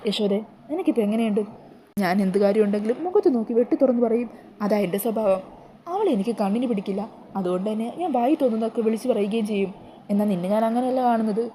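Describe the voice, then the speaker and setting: A woman's voice: medium pitch, mellow, slight background noise, lightly acted. A woman voicing an outspoken elderly grandmother in a retold TV serial. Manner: blunt, commanding. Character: blunt elderly grandmother, head of the house.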